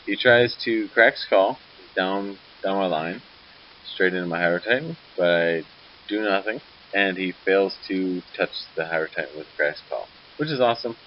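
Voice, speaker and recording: A man's voice: low voice, normal speed. A man casually recapping a tabletop wargame turn by turn, rambling and correcting himself, sleepy and yawning. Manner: rambling, loose, self-correcting. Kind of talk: casual battle report narration. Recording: dull lo-fi recording with faint hiss.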